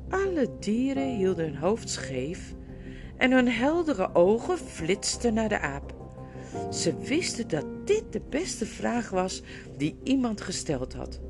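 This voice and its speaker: A woman narrating a children's book aloud in an expressive storytelling manner. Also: fairly high pitch, takes it slowly. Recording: faint music under voice.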